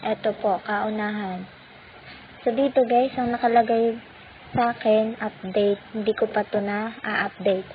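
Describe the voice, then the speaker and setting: In an unhurried, medium-pitched voice with fairly even intonation, a Filipino-accented woman leads a step-by-step phone app tutorial for her channel. Her tone is polite and patient, peppered with "po" as a courtesy marker. The sound is thin and phone-like, with faint background noise.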